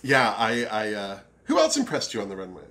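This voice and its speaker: A man chats casually as a campy drag queen. His pitch swings widely and he leans on words with drawn-out emphasis. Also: huge pitch swings, bright, forceful tone. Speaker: drag show review co-host. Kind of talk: casual chat.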